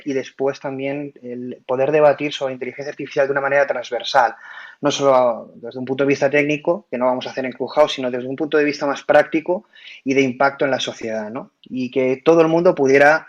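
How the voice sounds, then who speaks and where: Male host from Spain, mid-pitched, casual and hesitant, muffled app audio. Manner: hesitant, many fillers and restarts. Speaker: host of an online audio room. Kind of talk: casual explanatory talk.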